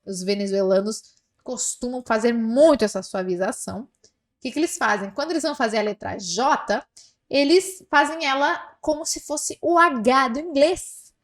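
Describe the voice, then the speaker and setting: Patient woman teacher, a bit high-pitched, slow and deliberate, drills pronunciation. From South America. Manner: slow, patient, repeats words for the learner to echo. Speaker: Spanish teacher. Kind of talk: language lesson with pronunciation drills.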